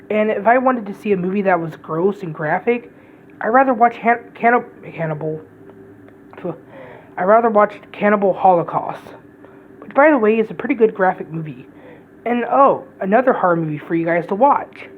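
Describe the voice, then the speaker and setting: A woman's voice: fairly low pitch, narrow, tinny audio, a little hiss or hum. A woman giving a casual, rambling movie review, blunt and profane, often restarting her sentences.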